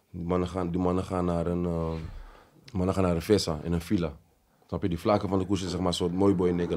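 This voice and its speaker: Man telling stories in street slang. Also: low voice. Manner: animated storytelling in street slang. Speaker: podcast host. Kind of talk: casual chat.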